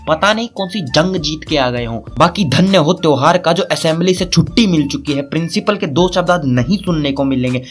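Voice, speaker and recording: A young man telling a crude, sarcastic roast story as a comedy storyteller. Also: on the high side. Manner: sarcastic, cheeky, vulgar.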